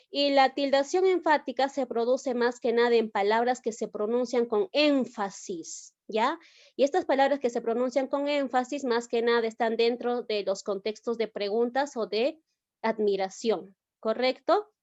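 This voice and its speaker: A woman's voice: a little high, unhurried, darkish tone, no room sound, lo-fi sound. A woman teacher giving an online class, explaining step by step and often checking with the students. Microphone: video call.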